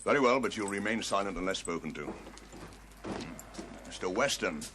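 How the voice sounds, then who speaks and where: Deep-voiced stern army sergeant. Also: male voice, lively intonation, moderate pace, pushed and bright, a little hiss or hum. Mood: stern questioning. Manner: blunt, authoritative, interrogating. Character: stern, commanding middle-aged army sergeant, a father. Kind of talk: television period drama acting.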